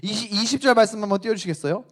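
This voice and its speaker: A man gives a youth sermon in a high voice. He tells the story playfully and with animation, and he keeps turning to his listeners with questions. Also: very fast. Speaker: youth pastor.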